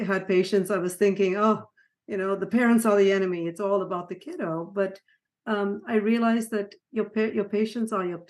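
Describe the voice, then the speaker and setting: A middle-aged woman from Sri Lanka, a psychiatrist guest on an interview, talking warmly with frequent laughs and restarts. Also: medium pitch. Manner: warm, laughing, many restarts. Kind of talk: conversational interview.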